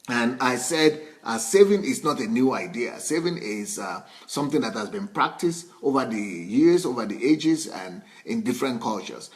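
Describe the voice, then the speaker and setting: A middle-aged Nigerian man delivers a sermon in a loose, conversational manner. He often stops partway through a phrase and starts it again. His voice sits at an ordinary middle pitch for a man. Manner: conversational, with frequent restarts and repeated words. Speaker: pastor.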